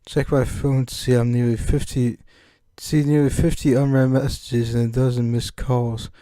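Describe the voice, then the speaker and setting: A man's voice: mid-range voice, flat delivery, moderate pace, warm tone, smooth, no echo. American man, young adult, game let's play, reads aloud, jokey asides, dry close sound. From United States. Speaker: let's player. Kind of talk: reading a visual novel aloud with commentary.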